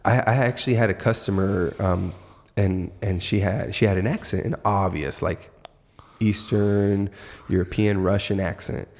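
Man, low voice, casual storytelling host, restarts a lot, long echo. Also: normal speed. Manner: relaxed, storytelling, many restarts. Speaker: podcast host. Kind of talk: casual chat.

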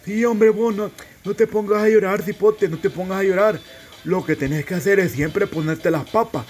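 A man playing an old grandfather with a Salvadoran accent, gruffly teasing his grandson and calling him a fool with affection. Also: sits high, moderate pace, darkish tone, natural voice. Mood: gruff tender.

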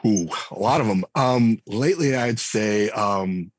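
Unhurried and slightly rough, this man's fairly low voice comes through with no echo. As a game writer and designer on a podcast, he gives a conversational interview, thinking aloud at length with many fillers and false starts.

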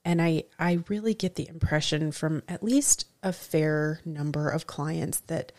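A woman working as a veterinarian, speaking sincerely and deliberately with frequent restarts. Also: deep voice, a little mellow. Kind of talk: interview answers.

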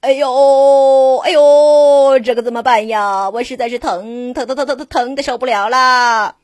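A woman voicing a male giraffe with a toothache, groaning and wailing loudly in a children's story. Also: sits high, unhurried, dry recording, clean studio sound. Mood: groaning in pain.

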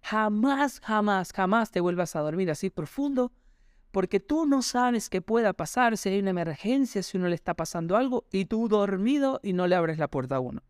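A stern, angry mother scolds her young son, as a man puts her on. The voice is pitched up, smooth and clear. It sounds dry and close. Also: steady tone, very slow, hardly any pauses, no room sound. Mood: angry scolding. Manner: insistent, scolding.

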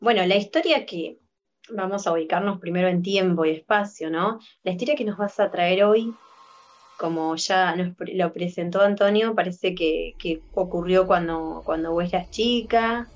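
A woman's voice: fairly low pitch, normal speed, lo-fi sound. A woman co-hosting a podcast and interviewing a guest in a chatty way. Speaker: podcast co-host. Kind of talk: casual interview.

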